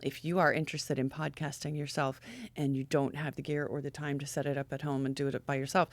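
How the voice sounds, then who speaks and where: A woman's voice: sits low, a bit bright. A middle-aged woman hosting a casual podcast chat in a studio, bubbly and laughing often. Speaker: podcast host.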